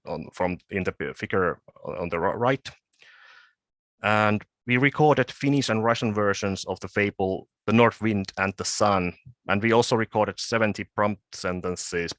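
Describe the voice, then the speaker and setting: Halting low-voiced man presenting research. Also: fairly bright tone, dry recording. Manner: halting, with frequent word repeats and restarts. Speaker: conference presenter. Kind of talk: academic conference presentation.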